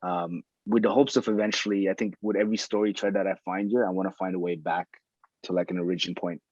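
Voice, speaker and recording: A man's voice: low voice, steady tone, quick pace, darkish tone, no echo, lo-fi sound. A man in casual conversation, thinking aloud and circling back on his phrases.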